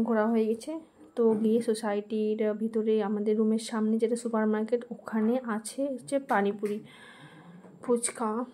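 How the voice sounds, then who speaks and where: A woman's voice: fairly high pitch, dark tone. A young woman vlogger narrating casually to her viewers while walking outdoors, chatty and meandering with plenty of fillers. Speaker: vlogger, mother. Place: outdoors in a residential park.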